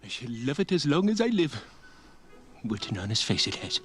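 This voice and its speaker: An actor playing a giddy, reformed old miser who cackles and giggles breathlessly in a film. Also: male voice, mid-range voice, big pitch swings, normal speed, fairly bright tone, faint music behind. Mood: elated. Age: older. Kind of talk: film acting. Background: film score.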